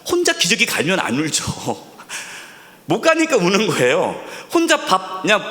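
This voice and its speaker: A male senior pastor preaching a sermon, asking rhetorical questions, repeating key words, and dropping to a soft near-whisper for emphasis. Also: high voice, huge pitch swings, unhurried. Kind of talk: sermon at a Friday prayer service. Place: church sanctuary. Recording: long hall reverb in a church sanctuary.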